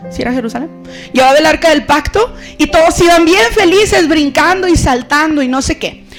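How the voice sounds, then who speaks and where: A woman pastor preaching a sermon in an animated, conversational way, acting out stories. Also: high-pitched.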